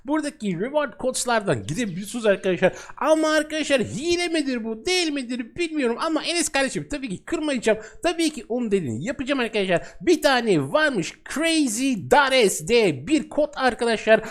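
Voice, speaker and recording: A man hosting a gaming channel, giving casual let's-play commentary in an excitable, chatty way, laughing often and talking straight to his viewers. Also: very high-pitched, fairly quick.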